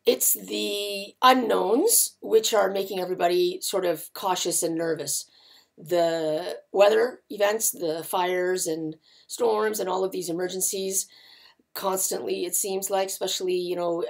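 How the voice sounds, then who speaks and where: A woman's voice: fairly low pitch, a little mellow. Growly middle-aged woman. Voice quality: growly, gravelly voice. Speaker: market analyst and host. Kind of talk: unscripted market commentary. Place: indoors, seated before a patterned backdrop.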